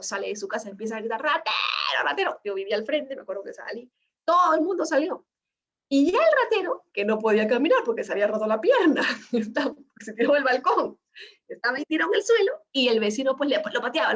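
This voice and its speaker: A woman teaching an online law class. She explains with lively examples and often adds tag questions. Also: on the high side. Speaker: law lecturer. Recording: dull lo-fi online class audio.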